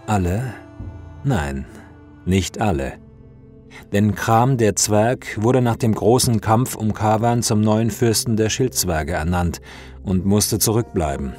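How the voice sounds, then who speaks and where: A man narrating a scripted fantasy story in a measured, dramatic way. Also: lowish voice, a little mellow, faint music behind.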